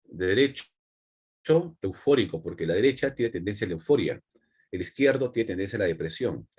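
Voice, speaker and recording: A man with a Peruvian accent teaching an online class, repeating key points and checking in with quick tags. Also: fairly low pitch, animated, a little mellow, slightly rough. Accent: Peruvian Spanish. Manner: repetitive, with frequent check-in tags.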